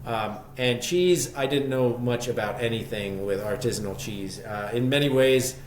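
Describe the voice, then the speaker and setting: A man who co-founded a shop appears as a podcast guest, telling his story conversationally, reflective and enthusiastic. His voice is medium-pitched at a normal speed. The room is echoey, with faint background noise.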